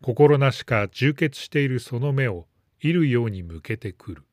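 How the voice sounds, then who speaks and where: A man narrates a story in a calm, measured reading voice that sits at an ordinary middle pitch. The sound is dry and close, with no room around it. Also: dry recording. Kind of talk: scripted narration.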